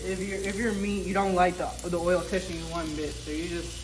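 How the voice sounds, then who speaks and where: Heavy background noise, including music and a sizzling pan, surrounds a livestream host who cooks while bantering casually. Speaking briskly in a steady, medium-pitched voice, the host teases viewers crudely and profanely, repeatedly stammering over how phrases begin.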